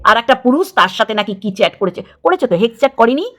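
A woman's voice: a little high, very animated, rapid-fire. A middle-aged woman, scolding another creator in an angry video rant, repeating her points. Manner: scolding, confrontational, repeats phrases. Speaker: YouTube creator.

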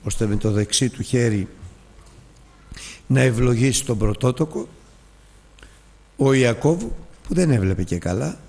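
A man teaching a Bible lesson as a sermon, telling stories with lively, emotional acted dialogue. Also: mid-range voice, pauses often, long reverb tail. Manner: emotional storytelling, acts out dialogue.

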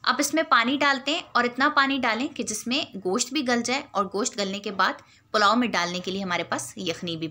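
Bright-voiced woman explaining a recipe. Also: a little high. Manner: patient, explains each step plainly. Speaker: cooking vlogger. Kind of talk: step-by-step cooking voice-over.

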